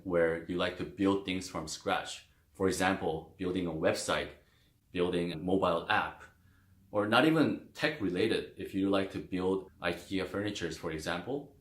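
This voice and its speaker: A video host whose first language is Korean explains a career in casual talk to camera, loose and friendly, scattering plenty of "like" and "you know" fillers. His voice sits low, and the roomy space around him echoes.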